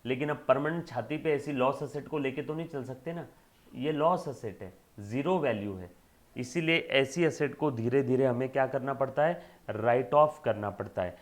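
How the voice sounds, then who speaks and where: A man's voice: mid-range voice, normal speed. A male accountancy lecturer giving an emphatic classroom lecture, checking in with rhetorical questions and fondly addressing students as children.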